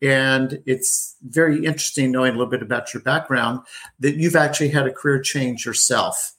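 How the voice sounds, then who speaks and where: A man's voice: medium pitch, a little fast, a bit bright. A man hosting an interview show, upbeat and chatty, with frequent fillers and restarts. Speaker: podcast host.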